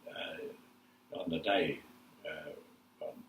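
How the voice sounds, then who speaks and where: An elderly man with a New Zealand accent, a war veteran remembering his service in a halting, repetitive way during an informal interview. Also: extremely low pitch, wildly swooping pitch, far from the mic. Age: 80s or older. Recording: echoey room with faint background noise.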